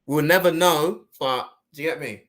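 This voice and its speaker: A man hosting a casual podcast discussion, talking in animated rhetorical bursts. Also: on the high side, moderate pace, a crowd in the background. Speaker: host.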